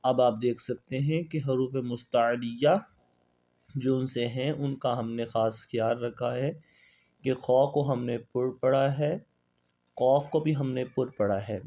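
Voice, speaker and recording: A man teaching a Quran reading lesson, drawing out the spelling of Arabic letters in a chanting tone between brisk explanations and asking and answering his own questions. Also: mid-range voice, fairly even intonation, dark tone.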